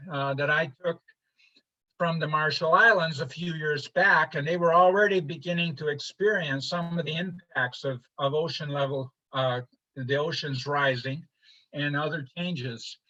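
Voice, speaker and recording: An older man from Honduras giving an informal slide lecture, halting with many fillers and restarts. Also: a little high, sharp tone. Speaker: presenter. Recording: muffled lo-fi livestream audio.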